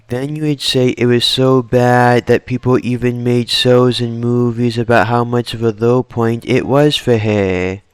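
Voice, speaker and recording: A man casually pitching fan story ideas in long, rambling run-on sentences. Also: clean tone, no room sound.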